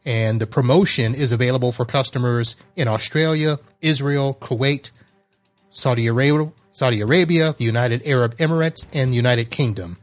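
A man's voice: medium pitch, normal speed, hardly any pauses, faint music behind. A man from Florida hosting a casual podcast, chatty and often laughing as he reads. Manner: chatty, laughs while reading. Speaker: podcast host.

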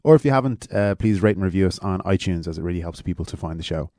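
A man with an Irish accent hosting a podcast in a deadpan comedy interview style. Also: low voice, fast, no room sound, studio quality. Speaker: podcast host.

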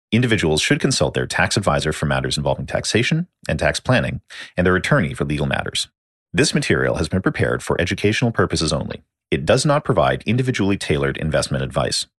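A man delivers a fast, scripted legal disclaimer in a very low voice. His pitch moves up and down a lot as he speeds through the formal wording, recorded dry. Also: a bit bright, no echo. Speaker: disclaimer announcer.

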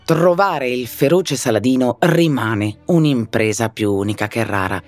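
A man narrating a scripted story in a theatrical, lively way, with ironic asides. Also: mid-range voice.

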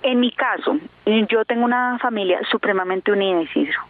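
A woman's voice: medium pitch, expressive, a little fast, no echo. A woman in her thirties, an interview guest, telling her personal story earnestly and hesitantly, with many fillers. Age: 30s. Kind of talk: emotional personal testimony. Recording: tinny phone line, dry.

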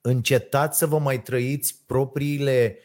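A man's voice: mid-range voice, steady tone, darkish tone. A man ranting in casual conversation, with frequent hesitations and fillers. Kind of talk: casual chat.

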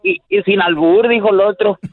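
A man's voice: high-pitched, fairly quick, a loud crowd. A man from Obregón with a northern Mexican, Sonoran accent, chatting casually and slangily as a caller to a radio show. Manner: slangy, colloquial. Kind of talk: casual chat. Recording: tinny phone line.

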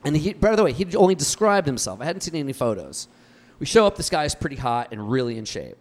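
Middle-aged man, slightly high voice, rambling storyteller who acts out the dialogue. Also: sing-song, fast, darkish tone. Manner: rambling storyteller, many restarts, acts out quotes. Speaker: podcast guest. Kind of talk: casual chat.

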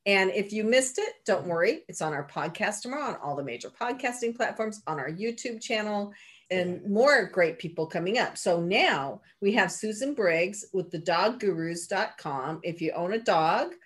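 Animated woman radio co-host. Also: mid-range voice, normal speed. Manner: animated, promotional. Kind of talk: radio hosting.

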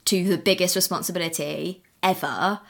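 A woman's voice: fairly low pitch, creaky. A woman in her twenties, a new mum talking openly and with animation as a podcast guest. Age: 20s. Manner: open, animated, quick with asides. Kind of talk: candid interview chat.

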